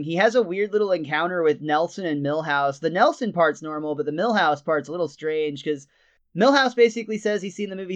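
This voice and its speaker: A man's voice: on the high side, clean tone. A man co-hosting a podcast, casually reviewing a cartoon episode, retelling scenes in detail with frequent chuckles. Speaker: podcast co-host. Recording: slightly dull lo-fi sound.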